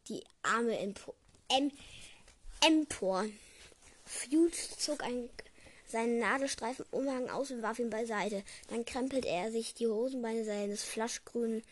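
A woman's voice: a little high, a little slow. A woman casually reading a book aloud, often tripping over words and correcting herself. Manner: stumbling, self-correcting.

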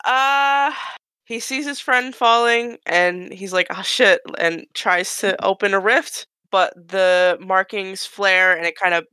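A woman's voice: medium pitch, slow pace, sharp tone, smooth, no echo. A woman casually describing her character's actions as a tabletop player, feeling her way through informally. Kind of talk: casual game narration.

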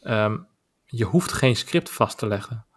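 A man with a Dutch accent co-hosting a podcast, talking in a measured, opinionated way with many filler pauses. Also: fairly low pitch, lively intonation, slightly rough. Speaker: podcast co-host. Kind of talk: casual podcast discussion.

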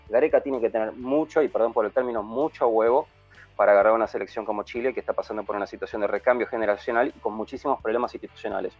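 Opinionated man, lo-fi sound. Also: medium pitch. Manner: relaxed opinionated talk with fillers. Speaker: panelist. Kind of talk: casual football chat. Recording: dull lo-fi sound, faint music.

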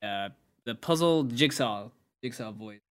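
A man's voice: medium pitch, animated, measured pace, smooth. A man in an ordinary mid-range voice chats casually with friends during a game. He talks in loose, rambling bursts, often restarting his thoughts. The tone stays easygoing throughout. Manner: chatty, laughs easily, rambling restarts. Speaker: gamer and video maker. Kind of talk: casual gaming voice chat.

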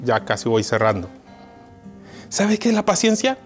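A man from Mexico, preaching a sermon. He keeps calling his listeners brother, asks them questions and swings between loud and hushed. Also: medium pitch, sing-song, normal speed, soft background music.

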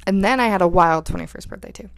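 Young woman, early 20s, casual storytime delivery, fry-heavy, dry sound. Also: fairly low pitch, quick pace, dry recording. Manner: chatty, lots of "like", laughs while telling.

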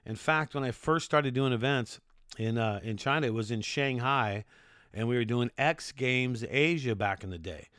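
With a clear, resonant, slightly bright medium-pitched voice, this middle-aged American podcast host and sports announcer talks at a moderate pace. The recording is dry and clean in studio quality, and his solo talk is upbeat, rambling, and packed with fillers.

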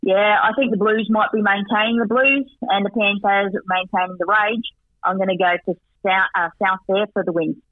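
Male guest analyst, talkative, stats-heavy, high voice down a phone line. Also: steady tone, moderate pace, no room sound. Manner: chatty, rattles off stats with asides. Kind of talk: radio sports recap and tips by phone. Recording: tinny dry phone line.

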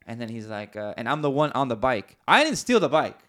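A man's voice: mid-range voice, very animated, fairly quick, fairly bright tone. A man telling a long story in casual chat, rambling and slangy, swearing often, with many restarts. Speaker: podcast co-host.

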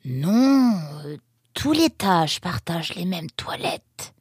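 Une renarde servante, grande et maigre, terrifiée de mal faire, jouée par une femme. Sa voix soufflée et sèche bafouille, presque inaudible, dans un livre audio. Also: female voice, fairly low pitch, big pitch swings, slow pace, breathy edge, no room sound, studio quality, full character voice. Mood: timid. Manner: hesitant, stammering, almost inaudible. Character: tall thin timid vixen servant.

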